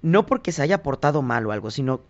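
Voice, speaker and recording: Over dull lo-fi podcast audio, a young Mexican-accented man talks fast at a medium pitch. As a guest who sings and reports for TV, he tells casual interview stories with animation, acting out others' words in lively quoted asides.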